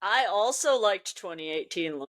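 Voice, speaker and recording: A woman co-hosting a podcast in casual chat, excitable and quick to laugh. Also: mid-range voice. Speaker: podcast co-host.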